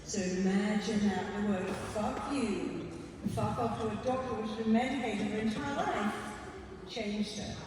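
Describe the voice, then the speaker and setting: A woman therapist giving an energetic stage talk, emphatic and brash, laughing often. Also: medium pitch, moderate pace, noisy background. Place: large hall with audience. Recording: echoey hall from far off.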